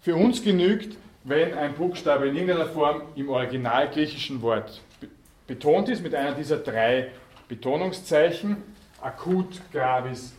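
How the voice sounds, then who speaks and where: A man's voice: fairly high pitch, darkish tone. A man giving a university lecture, explaining patiently with many fillers and self-corrections. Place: lecture hall. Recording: echoey lecture hall, distant mic.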